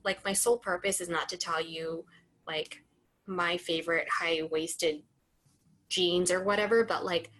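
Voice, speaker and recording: A woman's voice: on the low side, fairly even intonation, measured pace, a bit bright. A young woman co-hosting a podcast in casual chat, rambling a little and saying "like" often. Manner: chatty, heavy use of "like". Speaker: podcast co-host.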